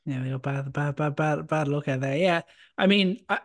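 A man's voice: on the high side, moderate pace. A man co-hosting a casual basketball podcast, stumbling over his openings and then stating firm opinions. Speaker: podcast co-host. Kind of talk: casual sports talk.

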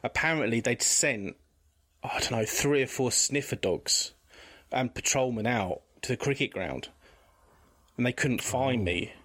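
A man's voice: medium pitch, measured pace, a bit bright. A man, a podcast guest telling a personal story candidly, rambling with frequent restarts. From England.

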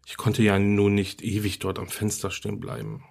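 Husky low-voiced man reading a horror story. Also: sing-song, moderate pace, a little mellow. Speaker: podcast narrator.

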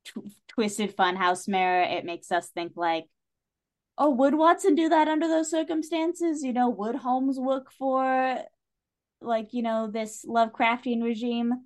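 A writer and director appears as a podcast guest in a casual literary discussion. Her voice is fairly high and unhurried, and she's chatty and opinionated about stories, often stressing her points.

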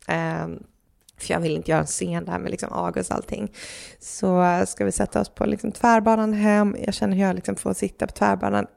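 A woman's voice: mid-range voice, gravelly. A woman co-hosting a podcast, telling a personal story in casual chat, full of fillers and acted-out quotes of what others said. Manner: animated, acts out others' lines in quotes; heavy use of fillers like "liksom" and "du vet". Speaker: podcast co-host.

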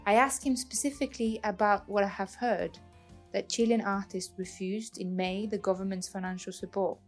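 Woman podcast host reading her script, makes a clear argument, quiet music under it. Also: medium pitch, fairly even intonation, moderate pace. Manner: articulate, argumentative. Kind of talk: scripted narration.

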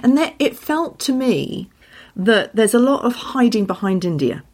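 A woman's voice: a little high, sing-song, measured pace, a little mellow, husky. A woman hosting a conversational interview, asking long, reflective questions. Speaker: podcast interviewer.

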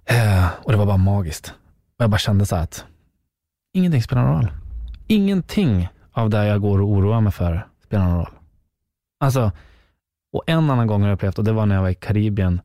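A man's voice: lowish voice, big pitch swings, pauses often, mellow, dry recording, clean studio sound. A man who works in radio, a podcast guest, talking reflectively and repeating words for emphasis. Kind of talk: casual podcast chat.

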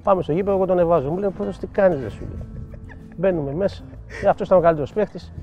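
A middle-aged man from Piraeus, a former football coach, telling animated stories as an interview guest and acting out what people said to him. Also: high-pitched, lo-fi sound, soft background music. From Piraeus, Greece. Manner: animated anecdotes, acts out quoted dialogue. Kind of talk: storytelling interview.

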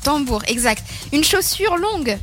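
A woman co-hosting a casual game show, giggly, giving quick word clues. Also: sits high, big pitch swings, a bit bright, faint music behind. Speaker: co-host.

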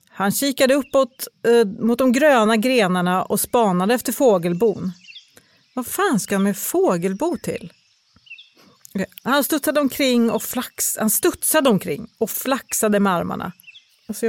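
A woman's voice: fairly high pitch, lively intonation. A woman reading a fairy tale aloud, breaking off into irreverent, swearing asides that mock the story.

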